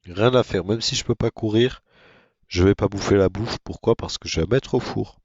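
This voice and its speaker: A man giving casual, monotone commentary on his own gameplay, with self-mocking asides. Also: on the low side, normal speed, breathy edge, no room sound, lo-fi sound. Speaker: gaming video creator.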